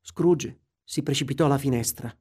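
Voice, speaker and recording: A man narrating a classic story in a measured, expressive way. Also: medium pitch, breathy edge.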